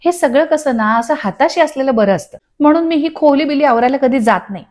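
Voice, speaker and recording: A carefree, chatty middle-aged housewife, as a woman narrator puts her on in a serial recap. Her voice rides noticeably higher than plain talk, light and breezy, tossing off her words without a care for tidiness. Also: lively intonation, brisk, a little mellow.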